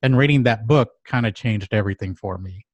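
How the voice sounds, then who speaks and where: A man from Mexico, co-hosting a podcast, talking in a reflective, halting way with many restarts and pauses. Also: on the low side, no echo, highs cut off. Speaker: podcast co-host. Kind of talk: reflective casual conversation.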